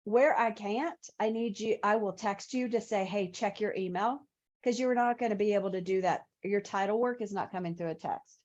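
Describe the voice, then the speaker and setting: A woman's voice: mid-range voice, steady tone, a little fast, hardly any pauses, darkish tone, dull audio. A woman teaching on a video call, conversational and explaining through examples. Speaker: real estate trainer.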